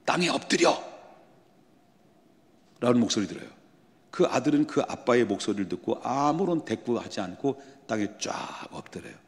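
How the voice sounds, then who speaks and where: A male pastor delivering a sermon, often asking his congregation rhetorical questions and building to loud, emphatic passages. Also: medium pitch, lively intonation, fairly quick. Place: church sanctuary. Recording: long church hall reverb.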